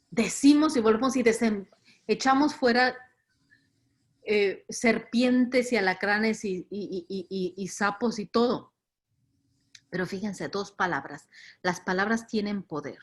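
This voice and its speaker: A woman's voice: medium pitch, slow, pauses often. A woman with a Latin American Spanish accent leading a virtual faith formation talk, reflective, repeating words and stressing key ideas. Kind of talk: virtual teaching reflection on scripture.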